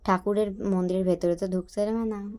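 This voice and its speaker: A woman's voice: medium pitch, steady tone, a little fast, warm tone. A young woman, chatting casually to her viewers in a family vlog. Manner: chatty, talks straight to viewers. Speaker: vlogger.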